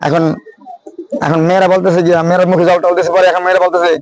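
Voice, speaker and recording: A man preaching to a room of schoolchildren in a Khulna Bengali accent, his voice sitting a little high. He keeps firing questions at the children and punctuating his points with "yes". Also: flat delivery, racing, no echo. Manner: asks the audience questions constantly, repeats "yes". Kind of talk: sermon to schoolchildren.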